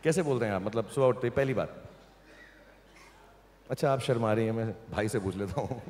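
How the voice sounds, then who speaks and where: A man's voice: fairly low pitch, a little fast, darkish tone. A man hosting a launch event on stage, teasing and coaxing a couple with playful jokes. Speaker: event host. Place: large event hall. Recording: hall reverb, faint ambience.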